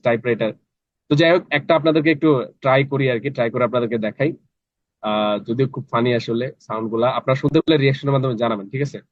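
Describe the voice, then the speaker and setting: Fast-talking man teaching an online class. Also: mid-range voice, no room sound. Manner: chatty, checks in with students often. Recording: dry, slightly dull online class audio.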